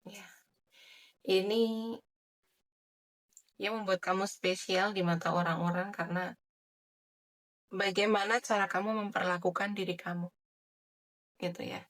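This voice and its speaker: A woman giving a general tarot reading in a soft, chatty way, with many filler tags. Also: mid-range voice, fairly even intonation, measured pace, pauses often. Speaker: tarot reader.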